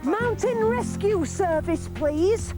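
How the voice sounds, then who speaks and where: A woman's voice: very high-pitched, expressive, takes it slowly, full character voice. A woman voicing an eager, caring young male teddy bear in an earnest, childlike way for a children's educational drama. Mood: reassuring, earnest. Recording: music behind the voice.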